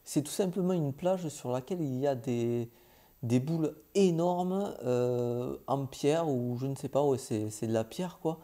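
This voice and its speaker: A young man recapping his travels in a casual vlog, chatty and informal, pausing often on filler sounds. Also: medium pitch, warm tone. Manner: hesitant, many filler "euh"s, chatty and informal. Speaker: travel vlogger.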